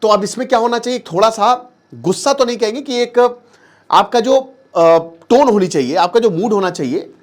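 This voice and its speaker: A man's voice: high-pitched, lively intonation, normal speed. A man teaching in a casual, conversational way, mixing English terms into his speech and often checking in with the listener. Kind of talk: casual explanatory lesson.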